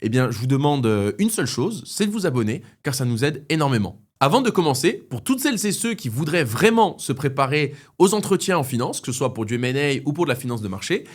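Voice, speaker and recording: A man hosting a relaxed finance video, chatting easily and pausing with hesitations as he introduces and comments. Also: mid-range voice. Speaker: host.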